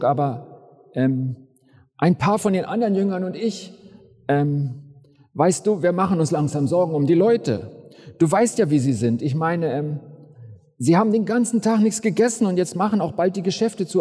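A man's voice: fairly high pitch, warm tone, pitched above the performer's own voice, close to an everyday voice. A man voicing a nervous, hesitant male disciple who stammers with fillers, in a reverberant hall.

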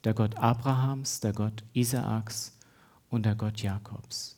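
Prediger, männlich, ruhig und gemächlich, liest die Schrift vor, kleine Versprecher. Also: male voice, on the low side, fairly even intonation, a little mellow. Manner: unhurried, reads scripture aloud with small slips. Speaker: preacher. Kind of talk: sermon.

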